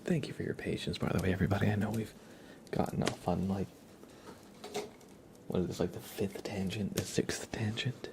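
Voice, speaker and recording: This deep, gravelly male voice keeps a fairly even intonation at normal speed and pauses often. He whispers near the mic during an ASMR livestream, his nose a bit stuffed up, casually teasing and joking with his viewers.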